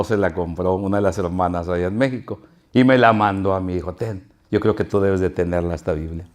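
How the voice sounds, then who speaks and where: An older man with a northern Mexican Spanish accent preaches as a pastor, telling a folksy personal story and chuckling along the way. His voice is on the low side and a little mellow.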